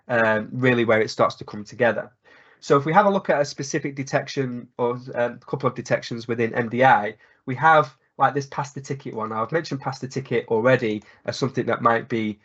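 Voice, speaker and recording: A croaky-voiced man presenting a live technical webinar, explaining at length with many fillers and restarts. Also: mid-range voice, brisk, fairly bright tone. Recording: dull lo-fi webinar audio.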